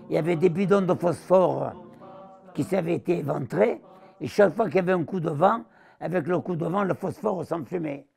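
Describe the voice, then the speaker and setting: In a storytelling interview, a ninety-something veteran from southern France recalls the war in a gravelly, fairly high-pitched voice with a regional accent. He is animated and imitates the voices he quotes.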